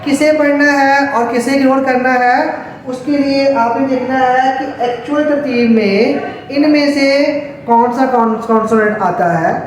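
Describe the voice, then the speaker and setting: A man's voice: very high-pitched, a little slow. A man with a Pakistani Urdu accent, teaching Korean to students in a classroom lecture at the board. He explains each rule step by step and repeats it patiently. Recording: very echoey room, voice from a distance.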